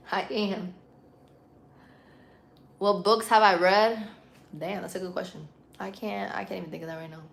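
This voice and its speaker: A woman's voice: medium pitch, fairly even intonation, unhurried, gravelly, pauses often. Casual Puerto Rican woman livestreamer. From Puerto Rico. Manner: informal, slangy, playful. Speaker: livestream host. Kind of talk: casual live-stream chat answering viewer comments.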